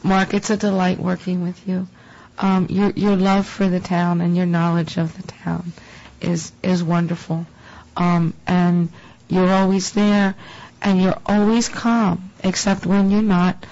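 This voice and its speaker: A woman on a town board, hoarse with her voice almost gone, giving teasing, good-humored remarks about colleagues at a meeting. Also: lowish voice, flat delivery, unhurried, a little mellow, highs cut off.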